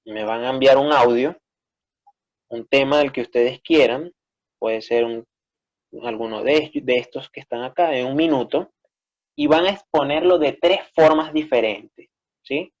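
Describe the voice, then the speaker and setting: A man's voice: medium pitch, measured pace, dull audio. Peruvian man explaining a lesson. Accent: Peruvian Spanish. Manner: explanatory, frequent checking "¿sí?". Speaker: teacher. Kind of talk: online class instruction.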